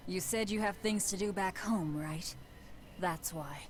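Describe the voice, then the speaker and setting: A woman's voice: fairly low pitch, measured pace, soft background music, lightly acted. A woman playing a stern, defiant demon lord in a video game, with a blunt, resolute delivery. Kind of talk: scripted video game acting.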